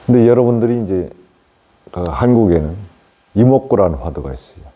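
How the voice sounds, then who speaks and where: A male Buddhist monk giving a plain, unhurried dharma talk on meditation to lay listeners, with many fillers and tag questions. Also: lowish voice, lively intonation, narrow, tinny audio.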